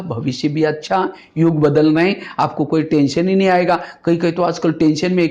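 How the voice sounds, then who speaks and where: A man's voice: a little high, a little mellow. A man giving a spiritual talk, telling stories and asking rhetorical questions. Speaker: spiritual speaker. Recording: dull lo-fi recording.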